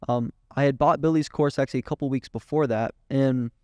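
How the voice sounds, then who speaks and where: Young male guest, lively storyteller, casual and profane, dry close sound. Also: mid-range voice, brisk, no echo. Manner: animated, swearing, quoting others in dialogue. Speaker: guest, agency owner.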